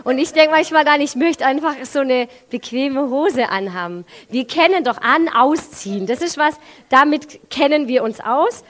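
A woman with a Swabian accent preaching a sermon in a lively way, moving from quiet to loud and using everyday examples. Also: high voice, moderate pace. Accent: Swabian German. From Swabia, Germany. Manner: lively, with big swings in loudness and everyday examples.

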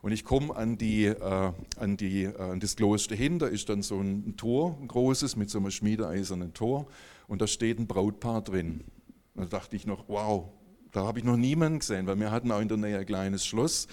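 Man, lowish voice, chatty testimony storyteller with fillers and asides. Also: normal speed, darkish tone. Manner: casual storytelling with many fillers and tag questions. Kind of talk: spoken testimony to a live audience.

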